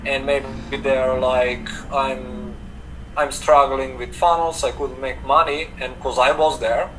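Speaking slowly at a medium pitch, a young Serbian man, a native speaker with a Serbian accent, appears as a guest on a casual video call interview about his work in affiliate marketing. He's relaxed, says "like" constantly, and gestures as he talks. He's in a room at home, picked up by a distant webcam mic with an air conditioner humming in the background.

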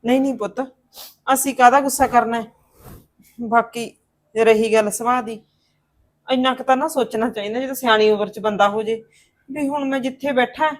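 An actress playing a kindly older aunt who calmly consoles her niece in a Punjabi drama. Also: fairly high pitch, natural voice. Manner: soothing, consoling.

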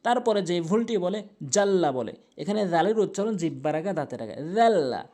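A man teaching correct Quran pronunciation, switching between slow drawn-out chanted recitation and plain explanation. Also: high voice, very animated, warm tone.

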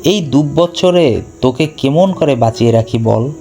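A man voicing a poor, gentle middle-aged farmer who speaks softly and tenderly, full of sorrow, in a storybook reading. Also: mid-range voice, animated, unhurried, soft background music. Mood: tender grief.

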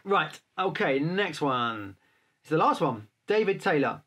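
A man, a photographer, casually answering viewer questions to camera in a relaxed, chatty way. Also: on the high side, a little slow. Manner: chatty, relaxed, handles gear while talking.

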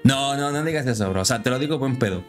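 A man chatting casually on a live stream, friendly and lively, his voice jumping higher when excited. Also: fast talker, faint music behind.

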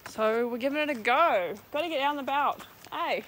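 A woman's voice: high-pitched, animated, brisk, a bit bright. A young woman, chatting casually to a handheld camera in a vlog and saying "like" often. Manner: chatty, says "like" a lot. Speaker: vlogger. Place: home kitchen, then outdoors on a bush walk. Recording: faint background noise.

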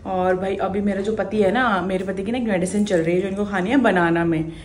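A woman in her thirties chatting casually in a home vlog, talking to viewers and scolding her pets in a high, loud voice. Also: steady tone, brisk, reverberant, slight background noise. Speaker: vlogger.

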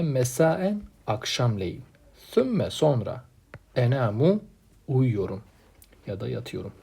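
A man teaching from a textbook, stressing each new word and then explaining it in an even, patient tone. His voice is gravelly and dark, with a rough, husky edge. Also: mid-range voice. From Turkey. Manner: reads Arabic words with emphasis, then translates plainly; addresses students as friends, repeats key words. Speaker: Arabic teacher. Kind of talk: textbook lesson walkthrough.

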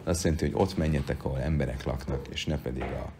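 A man's voice: very deep voice, steady tone, gravelly, noisy background. A man giving a daily Talmud lesson, reading out the text and explaining it phrase by phrase. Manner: reads text aloud then explains in Hungarian, with fillers. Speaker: Talmud teacher.

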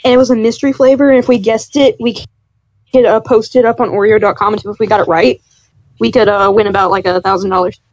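Husky young woman with goofy jokes. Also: fairly high pitch, quick pace, dry recording, lo-fi sound. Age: young adult. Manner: goofy, deadpan absurd jokes, giggly. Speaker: podcast guest. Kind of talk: casual chat.

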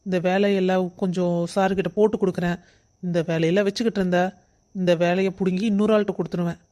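Cast: man as a sarcastic, threatening cartoon boss, pitched high. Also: little pitch movement, fast talker, warm tone, close to an everyday voice. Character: gruff scolding male office boss. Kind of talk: animated story voice acting.

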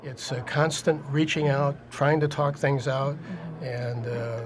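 Thoughtful man with halting speech. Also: medium pitch, fairly even intonation, over music. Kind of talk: documentary interview.

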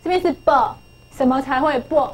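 Woman, high pitch, middle-aged, classroom teacher, coaxing, repeats herself. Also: normal speed, a little mellow, a little hiss or hum, rough recording. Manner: coaxing, asks pupils questions, repeats key phrases. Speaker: English teacher. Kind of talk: classroom phonics lesson.

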